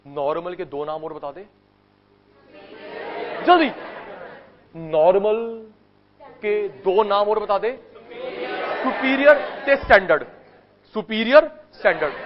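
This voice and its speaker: High-voiced Indian teacher drilling a class. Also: male voice, muffled recording, slight background noise. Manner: drills terms by repetition, coaxing students to answer fast. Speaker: economics teacher. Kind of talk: classroom lecture with call-and-response drills.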